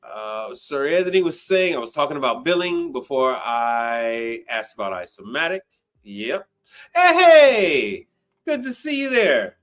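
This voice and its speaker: A man's voice: medium pitch, very animated, measured pace, a bit bright. A man in his fifties hosting a casual call-in live stream, blunt and profane, often repeating himself for emphasis. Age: 50s.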